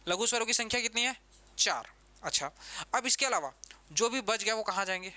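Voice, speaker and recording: A man's voice: high voice, animated, brisk, bright, forceful tone. A man teaching an exam-prep grammar lesson, who repeats key terms and keeps asking the class questions.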